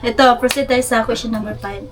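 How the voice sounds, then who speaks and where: A woman's voice: a little high, steady tone, fairly quick, crowd noise. A young woman hosting a casual vlog interview, asking patient prompting questions. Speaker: vlogger, interviewer.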